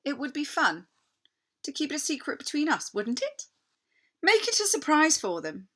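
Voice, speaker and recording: A woman's voice: high-pitched, wildly swooping pitch, moderate pace, a bit bright, pitched above the performer's own voice, full character voice. A woman voicing a queenly witch, slyly sweet and coaxing, in a commanding storybook manner. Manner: commanding, wheedling.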